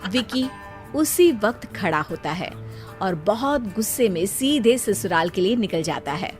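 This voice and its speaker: Lively woman narrator, animated intonation. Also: mid-range voice, unhurried, faint music behind. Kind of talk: scripted animated story narration.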